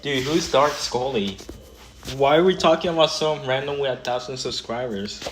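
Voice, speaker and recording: A man streaming a game, talking casually to his chat in quick rambling bursts and restarts. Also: medium pitch, slight background noise. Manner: rambling, talks to chat while playing; quick bursts, trailing off mid-sentence. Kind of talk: casual gaming livestream chat.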